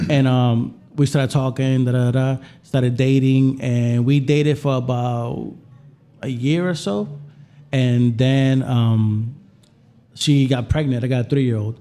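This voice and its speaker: A podcast's guest chef, a man from Puerto Rico, speaks slowly in a warm, steady, mid-range voice. He shares personal stories casually, returning again and again to the same phrases.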